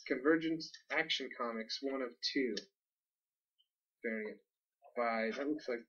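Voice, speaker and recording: A man's voice: mid-range voice, measured pace, a bit bright, husky, distant mic, highs cut off. A man co-hosting a casual podcast, rambling and laughing as he unboxes comics. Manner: chatty, laughs often, rambling. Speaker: podcast co-host.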